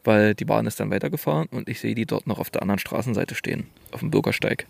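A young man casually telling a story on a podcast in slangy, animated speech. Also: lowish voice, fast, creaky, no echo.

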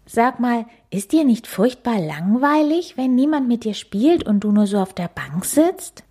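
A woman's voice: fairly high pitch, sing-song, mellow, slightly rough, pitched above the performer's own voice, heavily acted. A woman voicing a bored, sulky little boy coati who whines and complains. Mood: whiny. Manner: whining, drawn-out complaining.

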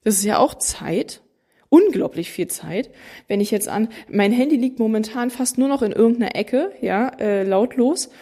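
A mother of three in her thirties talking straight to viewers, animated and emphatic, acting out what others say. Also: on the high side, moderate pace, slightly rough. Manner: animated, emphatic, acts out quotes. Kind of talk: casual talking to camera.

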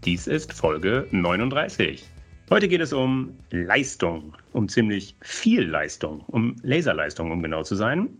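A man hosting a podcast with a fairly low voice that rises and falls a lot. He reads a scripted introduction in an animated way, slips in puns, and moves briskly on to his questions. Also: husky, soft background music. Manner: animated, playful wordplay. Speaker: podcast host.

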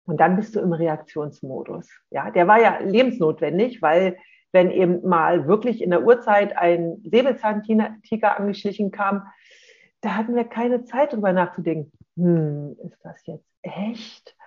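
A parenting coach giving a calm, explanatory talk to parents and often checking in with a short "ja?". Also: mid-range voice, moderate pace. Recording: dull lo-fi recording.

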